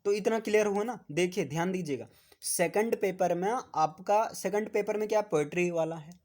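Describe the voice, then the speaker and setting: A man's voice: sits high, moderate pace, darkish tone. Hindi-accented male teacher checking understanding. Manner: repeats "है ना?" to check students, spells words out. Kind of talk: classroom lecture.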